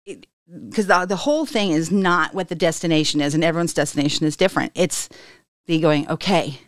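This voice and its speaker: This is a woman hosting a casual podcast chat, with a somewhat low voice. She tells stories in an animated, chatty way. Her voice sits in a dry, close recording with little room sound. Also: fairly quick, dry recording. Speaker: podcast host. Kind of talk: casual conversation.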